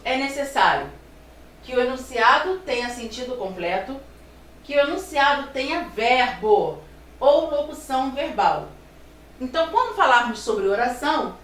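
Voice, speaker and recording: A woman teaching a grammar lesson. She explains step by step, asks rhetorical questions and slows down to stress her examples. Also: sits high, fairly bright tone. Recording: roomy sound from a distance, faint room noise.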